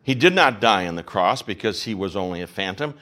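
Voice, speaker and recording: A pastor teaching a sermon, asking rhetorical questions and repeating phrases for emphasis. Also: male voice, fairly low pitch, lively intonation, brisk, pushed and bright.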